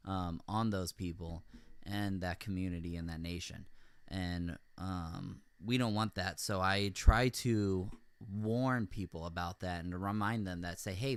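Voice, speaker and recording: A man hosts a relaxed talk show from his home, rambling a bit and laughing often. His voice is on the low side but bright and very clear, with a crisp edge. The room sounds dry and close. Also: no echo. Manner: chatty, laughs often, with many fillers. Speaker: host. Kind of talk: casual chat. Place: room at home with window open.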